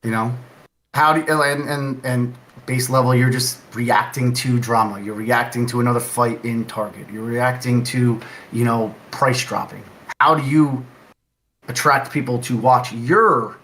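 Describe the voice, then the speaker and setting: Bright-voiced man rambling on a podcast. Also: medium pitch, steady tone, a little slow, slight background noise, poor audio. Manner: rambling, heavy use of "like" and restarts. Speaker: guest. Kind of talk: casual podcast chat.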